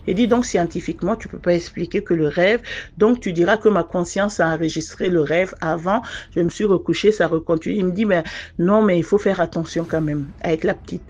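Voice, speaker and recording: A woman's voice: on the low side, darkish tone. Earnest woman telling her own story. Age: adult mother. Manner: earnest and hesitant, with frequent pauses and restarts. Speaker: listener sharing a personal testimony. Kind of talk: casual first-person storytelling.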